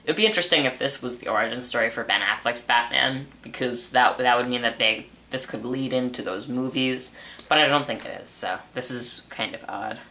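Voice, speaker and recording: A man's voice: mid-range voice, a little fast, sharp tone, a little hiss or hum. A young man giving a casual spoken review of a TV season, rambling with restarts and fillers. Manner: rambling, repeats himself with many restarts and uh fillers. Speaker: TV show reviewer.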